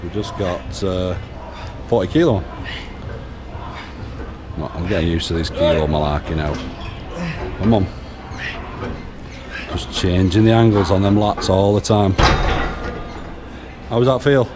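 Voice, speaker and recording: In a big gym with music playing, a northern English man films a workout, barking short commands and counting reps. His voice is low and unhurried, with long pauses.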